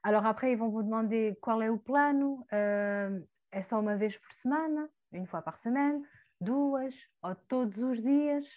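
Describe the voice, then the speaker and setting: A woman's voice: a little high, a little slow, dull audio. A woman teaching vocabulary in a chatty way, with many hesitations, dropping in foreign words as she explains. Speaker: language teacher. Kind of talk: explaining vocabulary on a radio show.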